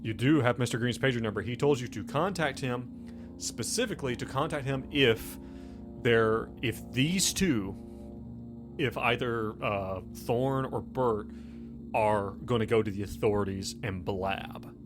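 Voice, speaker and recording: An unhurried man with a medium-pitched voice serves as game master for a tabletop roleplaying game, explaining things informally. Background music plays under his voice.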